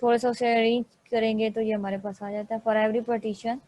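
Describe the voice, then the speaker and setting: A woman giving a slow, step-by-step math lecture, thinking aloud as she writes. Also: on the high side, little pitch movement, darkish tone, rough recording. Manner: slow, methodical, thinks aloud while writing.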